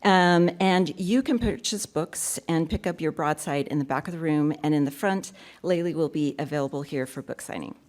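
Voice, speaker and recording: A woman opening a university poetry reading, giving warm welcoming remarks and announcements into a podium mic. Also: deep voice, normal speed. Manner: warm, gracious and upbeat, with filler ums. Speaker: event host introducing a poetry reading. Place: university lecture room.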